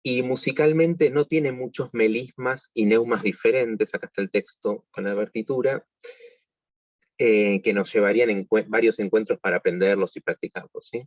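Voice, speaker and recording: Man, Argentine accent, online music lesson, lowish voice, muffled lo-fi sound. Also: fairly even intonation, moderate pace, dry recording. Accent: Argentine Spanish. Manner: explanatory, with many fillers and restarts. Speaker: music teacher.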